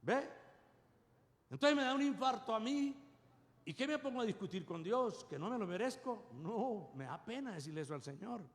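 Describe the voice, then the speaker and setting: A man's voice: high voice, expressive, moderate pace. A man preaching a sermon as pastor, constantly asking his congregation "yes or no?". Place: church. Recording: long church reverb.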